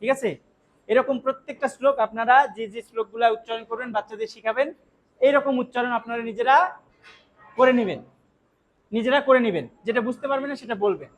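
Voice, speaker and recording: Guy with a really high voice teaching chant pronunciation, slow chanted examples, keeps asking if you got it. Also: rough recording. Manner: explains patiently, chants verses slowly as examples; checks often if listeners follow. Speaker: teacher of scripture recitation. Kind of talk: devotional recitation lesson.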